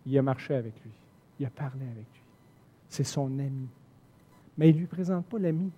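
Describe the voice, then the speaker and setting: A man with a Quebec French accent preaching a sermon, swinging from soft asides to loud, emphatic points. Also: mid-range voice, moderate pace, breathy edge. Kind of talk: sermon teaching from the Bible.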